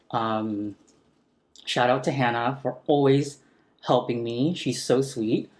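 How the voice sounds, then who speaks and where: Man, casual plant vlog, soft enthusiastic chatter, close-up ASMR mic, indoors at home. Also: mid-range voice. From San Francisco area. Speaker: plant vlogger. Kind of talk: casual talk-through while repotting. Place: home room with a chandelier. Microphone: sensitive close mic turned up for ASMR.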